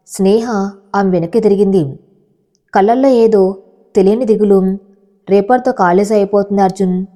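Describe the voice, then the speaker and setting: Warm-toned woman narrating a love story. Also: medium pitch. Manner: emotional, measured storytelling.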